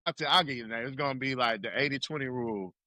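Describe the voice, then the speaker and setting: A man's voice: mid-range voice, racing, sharp tone, no echo. A man in his thirties from South Carolina with a Southern US accent, a rapper guest chatting casually in an interview, laid-back and repeating his words. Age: 30s.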